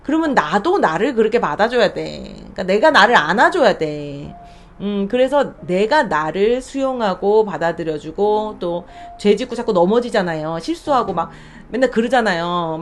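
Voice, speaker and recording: A woman deaconess sharing a faith testimony on her podcast, earnest and speaking directly to listeners. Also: mid-range voice. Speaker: church deaconess, podcast host.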